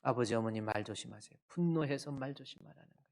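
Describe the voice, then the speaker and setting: A male pastor delivering a Sunday sermon, emphatic and full of rhetorical questions, jumping between loud outbursts and quiet asides. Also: mid-range voice, fast. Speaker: senior pastor.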